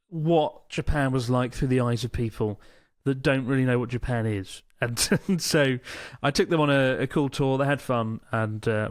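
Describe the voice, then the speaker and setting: A man with a medium-pitched voice co-hosts a podcast, chatting casually and telling animated, profanity-filled stories. He's in pain from a strained arm muscle. The studio sound is clean, with no room sound.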